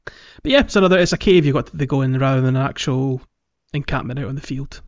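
Co-hosting a casual gaming podcast, this man talks fast at medium pitch, phrasing things hesitantly and circling back over his words. The recording is dry, dull and lo-fi, with music playing behind him.

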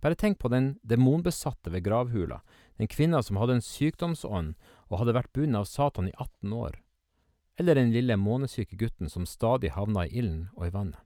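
A man's voice: mid-range voice, lively intonation, dark tone, dry recording, clean studio sound. A man preaching a sermon, reading scripture and speaking in an earnest, emphatic way.

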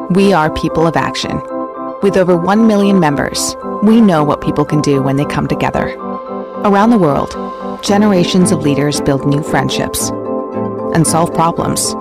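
A woman reading polished, scripted narration for a civic public service announcement. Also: low-pitched. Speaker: civic organization PSA narrator. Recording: music bed under narration.

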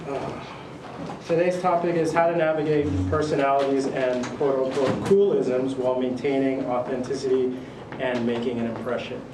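A man from Connecticut hosting a casual group meeting, relaxed and hesitant with many fillers. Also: mid-range voice, moderate pace. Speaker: meeting host. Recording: echoey room, mic far off, loud noise.

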